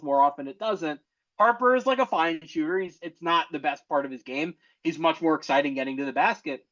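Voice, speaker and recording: A man's voice: fairly high pitch, a bit bright. A man giving casual, opinionated basketball analysis as a podcast co-host, explaining his points with emphasis. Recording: dull, muffled lo-fi audio.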